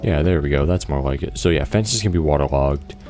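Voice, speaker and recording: A man's voice: extremely low pitch, brisk, a little mellow, faint music behind. A man casually talking through his gameplay, thinking aloud with lots of restarts, fillers and the odd swear word. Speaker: gameplay video creator.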